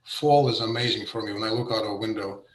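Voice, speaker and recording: Halting man in an echoey room. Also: fairly low pitch. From Russia. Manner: hesitant, many fillers and restarts. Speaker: painter giving an artist talk. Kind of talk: informal presentation. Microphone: video call.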